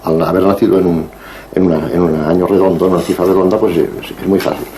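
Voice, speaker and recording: A man in his sixties from Barcelona talks slowly through his memories as an interview guest, pausing and restarting as he searches for words. His voice sits low and mellow. A faint hiss of noise sits behind him. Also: flat delivery, poor audio. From Barcelona, Spain. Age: 60s. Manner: measured and digressive, with frequent hesitations. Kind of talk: reflective interview conversation.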